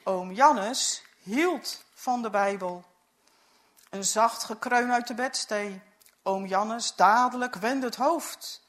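Slow, earnest woman reading a story. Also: fairly high pitch. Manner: slow, earnest, reflective first-person narration. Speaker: narrator.

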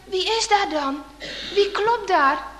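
Een vrouw die speelt een vriendelijke dorpsdominee. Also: female voice, very high-pitched, expressive, takes it slowly, slight background noise, pitched above the performer's own voice, full character voice. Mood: kind. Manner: gentle, hushed calling. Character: kindly village male pastor, calm.

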